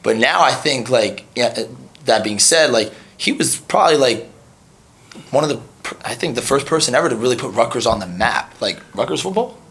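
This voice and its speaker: A young man hosting a podcast, talking casually with lots of fillers and quick agreeing interjections. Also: mid-range voice, animated, a bit bright. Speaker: podcast host. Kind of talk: casual chat.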